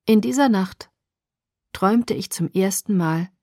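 A woman narrating a first-person audiobook in an expressive reading that swings between loud and soft. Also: mid-range voice, unhurried, no echo, studio quality.

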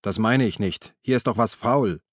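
A man's voice: lowish voice, no room sound, studio quality, close to an everyday voice. A man voicing an impatient police inspector who presses for answers and drawls his words, in an audiobook reading. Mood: impatient probing. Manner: insistent, drawn-out words.

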